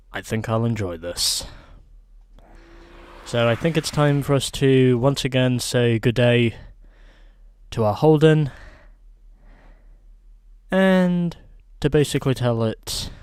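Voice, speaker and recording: A man's voice: medium pitch, clean tone, dry recording, clean studio sound, natural voice. A man putting on a playful, hammy Australian accent as a cheerful bloke. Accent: put-on Australian.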